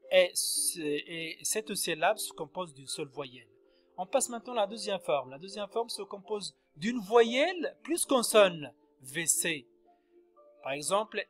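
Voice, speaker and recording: A man teaching a lesson on verse and syllable counting, spelling out letters one at a time. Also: high-pitched. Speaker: French literature teacher. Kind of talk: slow spoken lecture on verse.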